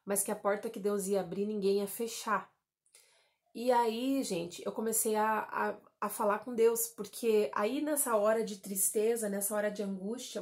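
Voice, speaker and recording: A woman's voice: mid-range voice, darkish tone. Talkative woman in her thirties from southern Brazil. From Santa Catarina, Brazil. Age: 30s. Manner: chatty, addresses viewers as "gente", many fillers like "né" and "tá". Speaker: vlogger. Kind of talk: personal testimony vlog.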